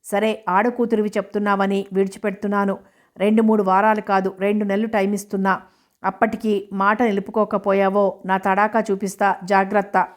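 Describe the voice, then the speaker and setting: A woman voicing a crude, pushy middle-aged female moneylender who talks roughly and scolds loudly. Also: mid-range voice, little pitch movement, brisk, close to an everyday voice. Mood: scolding.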